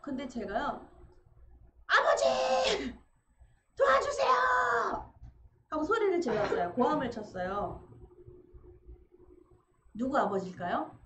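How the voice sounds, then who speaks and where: Animated woman pastor preaching in echoey church. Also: fairly high pitch, moderate pace, long pauses. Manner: animated, acts out cries and quotes, laughs as she tells a story. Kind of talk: sermon. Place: church sanctuary. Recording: echoey church room, slightly dull sound with faint noise.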